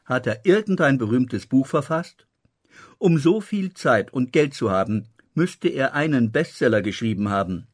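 A man voicing the woman of the house, who is sharp-tongued and protective, in an audiobook. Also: medium pitch, animated, breathy edge. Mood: challenging. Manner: indignant, quick to defend.

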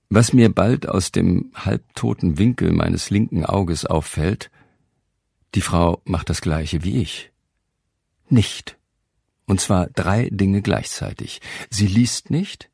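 A man's voice: deep voice, gravelly, warm tone, slightly rough, dry recording. A man reading his own humorous story aloud, with a dry, ironic delivery. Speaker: narrator. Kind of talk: reading a humorous first-person column.

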